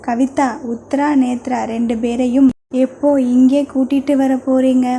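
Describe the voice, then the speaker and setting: Female narrator playing a playful younger sister; flat melody, dark warm tone. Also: high voice, a little slow, slight background noise. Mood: earnest. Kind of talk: audio novel reading.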